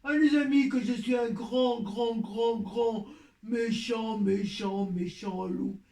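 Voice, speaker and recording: A woman's voice: on the high side, fairly even intonation, slow pace, gravelly, dark tone. A woman voicing a boastful, childish little boy wolf who plays big and bad and stammers when challenged, in theatrical children's storytelling. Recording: echoey room, distant from mic.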